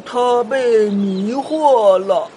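A woman voicing a strange old male toad in a hoarse, croaky frog voice for a children's story, speaking tersely. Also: fairly high pitch, dark tone, slight background noise. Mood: grave, puzzled. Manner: slow, drawn-out, terse delivery.

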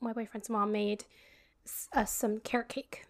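A woman's voice: medium pitch, flat delivery, a little slow. A woman co-hosting a casual chat podcast with her brother, rambling and hunting for words with lots of ums. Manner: laughs often. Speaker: podcast co-host.

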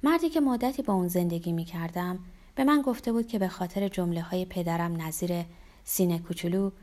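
A woman's voice: on the low side, expressive, a little mellow. Woman reading a bitter confessional memoir. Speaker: audiobook narrator. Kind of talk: scripted first-person narration.

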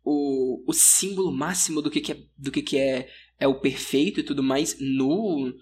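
A man's voice: mid-range voice, normal speed, a little mellow, husky. A man with a Brazilian Portuguese accent co-hosting a podcast in casual, slangy, grumbling banter. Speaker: podcast co-host.

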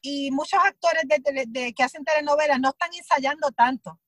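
A woman from Puerto Rico, a guest actress, talking in a casual interview in an animated way. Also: high voice, brisk, dry recording. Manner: animated, acts out quoted remarks with laughs.

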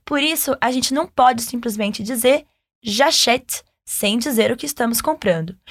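A woman's voice: sits high, dry recording, studio quality. A woman teaching French, patiently modeling phrases for listeners to repeat. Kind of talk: language lesson with repeat-after-me drills.

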